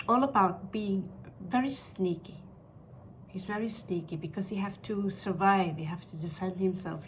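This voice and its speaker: Woman doing a fortune teller tarot reading, talks slow w lots of pauses, some noise behind her. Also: medium pitch, darkish tone. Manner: fortune-teller way of pronouncing on what the cards show; halting, pausing between short phrases. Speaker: tarot card reader. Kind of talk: unscripted tarot and astrology reading.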